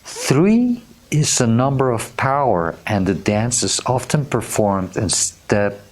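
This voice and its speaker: A man giving a tarot reading to camera. He speaks in a gentle, earnest way, keeps checking in with "okay?", and stumbles over unfamiliar names while reading card meanings aloud. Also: medium pitch, animated, slow. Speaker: tarot reader.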